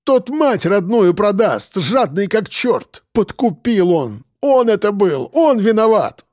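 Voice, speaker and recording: A man doing a hoarse vengeful grieving father, high strained outbursts, dry close sound. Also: big pitch swings, takes it slowly, a little mellow, no echo, exaggerated voice. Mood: frantic. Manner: hoarse, swings from muttering to shrill outbursts. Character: grieving middle-aged man, bitter, vengeful, tearful.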